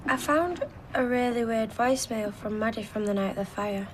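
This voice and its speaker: A woman's voice: a little high, moderate pace, slight background noise, lightly acted. An actress playing a suspicious, persistent young woman in a TV soap, probing and accusing. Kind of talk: television soap drama.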